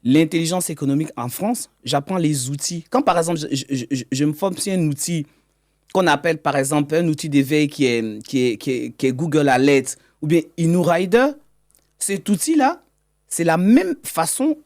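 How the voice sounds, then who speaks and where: A man's voice: on the high side, lively intonation, moderate pace. A man, a guest in an interview, explaining his work as an economic intelligence consultant. He often stumbles and repeats words mid-sentence.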